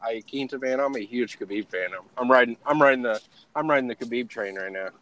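A man's voice: mid-range voice, fast talker. A young man hosting a casual podcast about fighting, telling stories with lots of swearing and laughter. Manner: animated storyteller, swears freely, laughs often. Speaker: podcast host.

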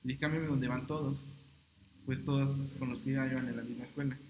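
A young man tells a long personal story in a relaxed podcast chat. He rambles and stumbles, repeating words as he goes. His voice sits in a middle register, in an echoing room with steady background noise. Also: medium pitch, a little fast. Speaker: podcast co-host. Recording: roomy echo, noisy background.

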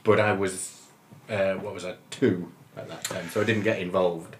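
A man in his fifties from northern England, a musician chatting as a guest in a relaxed, rambling, good-humoured way, often laughing as he talks. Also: low-pitched, moderate pace, a little hiss or hum. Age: 50s. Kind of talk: casual interview chat.

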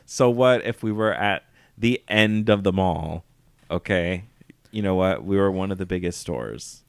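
A man's voice: low voice, unhurried, vocal fry, dry recording, clean studio sound. A man co-hosting a podcast in casual chat, telling stories in a brash, profane way and laughing often. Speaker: podcast co-host.

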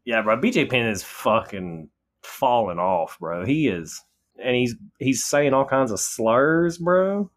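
A man's voice: mid-range voice, animated, slow pace. A man co-hosting a podcast in casual, sweary chat full of bro slang. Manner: slangy, bro-heavy talk. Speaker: podcast co-host.

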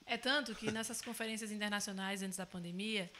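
A woman's voice: medium pitch, fairly even intonation, a little fast, background noise. A woman chatting frankly as a podcast guest, quoting what she says to her husband. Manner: frank and direct, quotes herself in dialogue. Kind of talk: casual podcast chat.

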